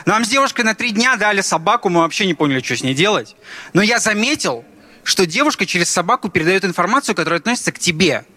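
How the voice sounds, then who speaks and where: A man's voice: animated, fast talker, pushed and bright. A man in his twenties performing a stand-up comedy set, telling stories in casual slang and imitating others. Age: 20s. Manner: casual slangy storytelling, mimics others in higher voice. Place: comedy club stage with audience. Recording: noisy live club recording with crowd.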